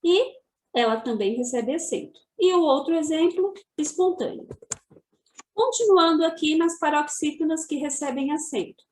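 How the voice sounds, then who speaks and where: High-voiced woman teaching a class. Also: lively intonation, normal speed, darkish tone, echoey room, slight background noise. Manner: cheerful, explains step by step with examples. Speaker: primary school teacher. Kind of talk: recorded grammar lesson for children.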